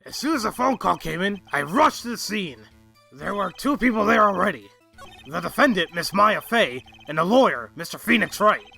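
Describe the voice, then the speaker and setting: A man's voice: high-pitched, very animated, normal speed, gravelly, bright, forceful tone, soft background music, exaggerated voice. A man voicing a bumbling, eager-to-please homicide detective in a game fandub, deferential and blustering. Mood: earnest testimony. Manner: deferential, blustering, ending sentences with "sir". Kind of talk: game fandub character acting.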